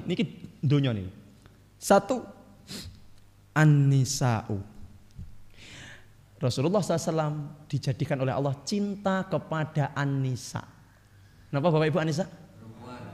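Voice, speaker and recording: Joking Javanese preacher in a reverberant hall. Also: male voice, fairly high pitch, darkish tone. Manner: jokey, engages audience with direct questions. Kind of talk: lively religious lecture.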